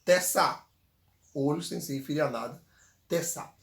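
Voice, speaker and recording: A man teaching a grammar lesson, patiently repeating words slowly so the viewer can say them back. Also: fairly high pitch, gravelly, a bit bright, roomy sound. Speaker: Tupi language teacher.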